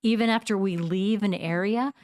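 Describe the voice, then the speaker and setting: A woman co-hosting a casual conversation, talking things through in a thoughtful, steady way. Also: mid-range voice, normal speed, dry recording, clean studio sound. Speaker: podcast co-host.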